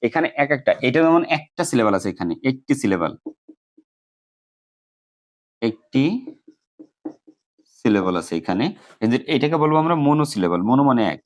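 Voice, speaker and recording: Speaking at medium pitch with a sing-song lilt, a man with a Bangladeshi accent walks students through English grammar step by step, slowly going over key words again.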